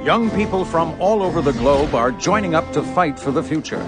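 An actor playing an eager, patriotic recruitment announcer in a declamatory 1940s-50s newsreel narration style. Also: male voice, fairly high pitch, animated, normal speed, lightly acted. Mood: rousing, patriotic. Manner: rousing, declamatory announcer delivery. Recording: loud music under the voice.

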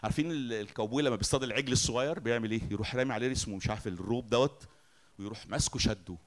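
A man with an Egyptian Arabic accent preaching a sermon. He asks the congregation questions and answers them himself, moving between loud declarations and soft, quiet lines. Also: medium pitch, rapid-fire.

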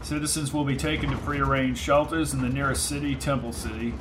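A man reading the lines of a dutiful army general who reports in a crisp, formal manner. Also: medium pitch, steady tone, brisk, noisy background, natural voice. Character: dutiful male army general taking orders.

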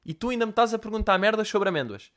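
A young man with a European Portuguese accent, a podcast host telling comic stories in a profane, animated, conversational way. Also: sits high, racing. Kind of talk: comedic storytelling.

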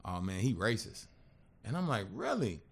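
A man in his thirties, a podcast guest telling a personal story in a casual, animated and profane way, acting out what other people said. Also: fairly low pitch, moderate pace.

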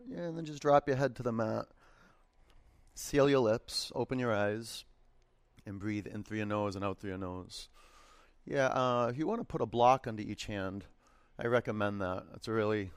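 A man with a fairly low voice leads a yoga class, recorded with no echo. His instructions are unhurried, encouraging and informal, and he often repeats his cues gently.

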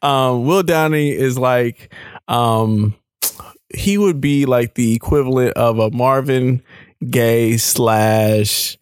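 A man's voice: medium pitch, takes it slowly, clear, resonant tone, dry recording, studio quality. A young man co-hosting a podcast in casual chat, rambling with fillers, restarts and frequent laughter. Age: young adult. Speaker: podcast co-host.

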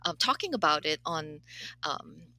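Bright, hesitant woman, professor guest. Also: low voice, sing-song, measured pace, no room sound, poor audio. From Malaysia and Canada. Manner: thoughtful, hesitant, many fillers. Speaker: psychology professor, interview guest. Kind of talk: casual interview conversation.

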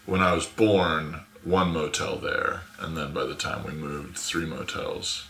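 Low gravelly young man, rambling casually. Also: fairly even intonation, measured pace, bright, forceful tone. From Arizona, USA. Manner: filler-heavy, rambling, laughs often. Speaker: podcast guest. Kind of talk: casual chat. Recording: echoey room.

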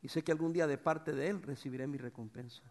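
A middle-aged man preaching a sermon as pastor, swinging between loud bursts and soft, tender passages. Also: on the high side, fast talker. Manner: animated preacher, swings from shouts to soft tones.

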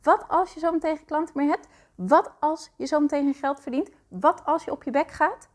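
A woman voicing a harsh inner critic that nags and belittles, raising her pitch and speeding up as she scolds. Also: close to an everyday voice. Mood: nagging. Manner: scolding, belittling, rapid worries.

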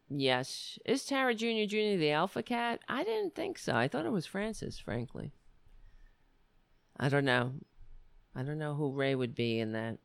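Female livestream host, American, raspy voice, blunt and emphatic, wide-swinging pitch, dry close sound. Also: no room sound. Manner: blunt, emphatic, repeats phrases. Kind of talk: casual livestream monologue with political commentary.

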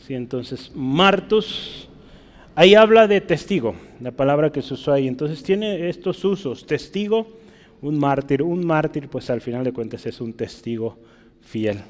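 A pastor giving a conversational sermon, often checking in with his congregation with quick questions. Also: a little high, lively intonation, a little mellow. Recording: reverberant hall.

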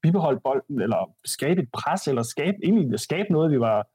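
A man's voice: fairly high pitch, very animated, warm tone, breathy edge, no echo. A Danish man talking football on a podcast, hesitant and frank, often repeating words as he thinks. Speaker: podcast panelist. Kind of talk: casual football chat.

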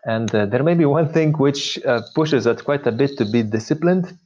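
Slovenian-accented male priest, interview guest, halting delivery, muffled remote sound. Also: mid-range voice, expressive, a little mellow. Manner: hesitant, many filler pauses. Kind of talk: interview conversation.

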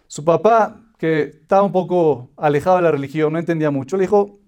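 High-voiced man teaching a Torah lesson. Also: brisk, darkish tone, clean tone, muffled recording. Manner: explains patiently, repeating phrases in lists. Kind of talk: religious lesson with a told parable.

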